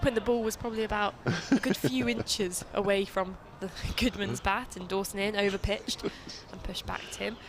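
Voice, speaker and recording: A woman's voice: medium pitch, fairly even intonation, moderate pace, hardly any pauses, slight background noise. A woman commentating live on a cricket match, calling the play and trading jokey banter with her co-commentator. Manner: chatty, joking banter between calls of play.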